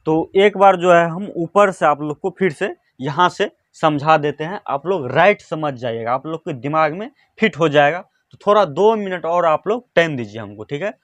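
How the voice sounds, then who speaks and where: Repetitive, higher-voiced male teacher. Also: expressive, moderate pace, hardly any pauses, fairly bright tone, no echo. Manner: repetitive, explains each point twice with "theek hai". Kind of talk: classroom-style grammar lesson.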